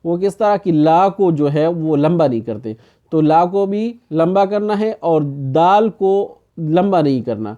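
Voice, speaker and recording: Mellow-voiced man teaching Quran recitation. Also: on the high side, expressive, lo-fi sound. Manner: explains slowly, then chants the verses drawn out; asks the class questions and answers them himself. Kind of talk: online recitation lesson.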